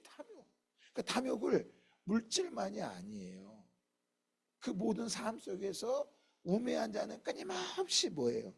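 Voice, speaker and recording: A middle-aged male pastor preaching a dawn prayer sermon, asking the congregation rhetorical questions and moving from loud emphasis to hushed near-whispers. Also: high voice, vocal fry, slightly rough.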